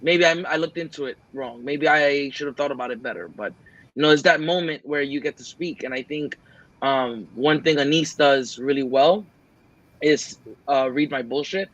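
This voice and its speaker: A man's voice: medium pitch, normal speed, a bit bright, no echo, lo-fi sound. A man co-hosting a podcast, talking in an earnest, rambling way and acting out his own quoted lines. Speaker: podcast co-host. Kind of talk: casual podcast chat.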